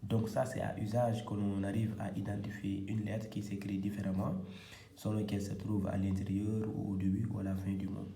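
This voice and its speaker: A man teaching the Arabic alphabet at a board, pausing often, correcting himself and dropping to a near-whisper as he writes. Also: fairly low pitch, little pitch movement, creaky, roomy sound. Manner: halting, self-correcting, repeats words; soft, drops to near-whisper while writing. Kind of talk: hesitant whiteboard lesson.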